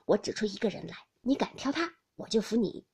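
A woman voicing a lively, chatty teenage girl in an audiobook, speaking in a loud, bantering way. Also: medium pitch, brisk, breathy edge. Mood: complaining.

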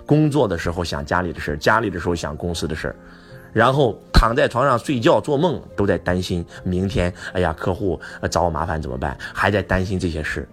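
A man's voice: deep voice, expressive, fairly quick, a bit bright, faint music behind. A man giving a motivational lecture who keeps asking the audience rhetorical questions.

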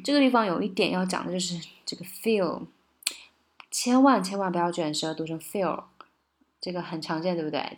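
Patient woman teaching song pronunciation. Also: on the low side. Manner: patient, coaxing, checks in with listeners often; slows down to model English words, sometimes sings lines. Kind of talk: casual spoken lesson.

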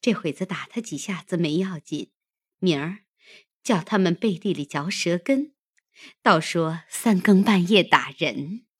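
A woman voicing a loyal, gentle young maid who coaxes and soothes her mistress. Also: fairly low pitch, lively intonation, breathy edge, no echo, studio quality. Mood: soothing. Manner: coaxing, raised and quick when calling out. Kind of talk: audiobook character reading.

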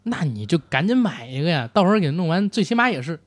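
A man's voice: a little high, big pitch swings, quick pace, no room sound. A man chatting as a podcast co-host, teasing and colloquial. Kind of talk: casual comic banter and sales pitch.

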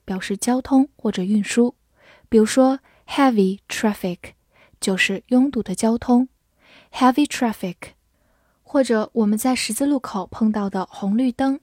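A woman whose first language is Chinese teaches English vocabulary in a scripted lesson, spelling each word letter by letter and reading the example sentences slowly. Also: a little high, a little mellow, no room sound, clean studio sound.

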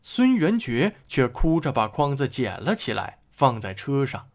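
Man, children's story narrator, animated pitch, expressive delivery. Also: a little slow.

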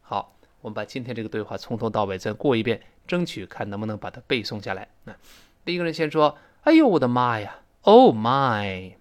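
A middle-aged man with a Mandarin Chinese accent explaining an English lesson. He is animated and slows down to model English words. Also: fairly low pitch. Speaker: English teacher.

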